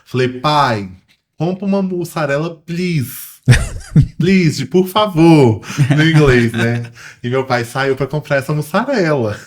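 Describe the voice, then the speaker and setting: A man with a Brazilian Portuguese accent, a podcast guest telling stories in casual chat, animated and laughing often. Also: fairly high pitch, measured pace. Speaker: podcast guest, travel agency owner.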